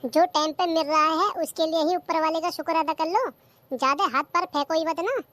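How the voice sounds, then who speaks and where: A performer voicing a cheeky, lazy young daughter-in-law who talks back, in a cartoon comedy. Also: female voice, very high-pitched, brisk, fairly bright tone, no echo. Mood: sassy.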